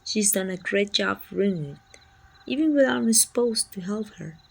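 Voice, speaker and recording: For an ASMR roleplay, a woman with a Mexican accent becomes a friendly, talkative city guard of a medieval fantasy kingdom, reassuring the listener politely. Her medium-pitched voice is animated, at normal speed, with vocal fry and slight roughness, and her mood is chatty and informative.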